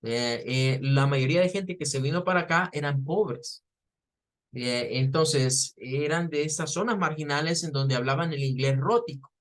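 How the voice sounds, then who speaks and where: Man teaching English pronunciation patiently. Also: on the high side. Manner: patient, explanatory, repeats words slowly to model pronunciation. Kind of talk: online class lecture.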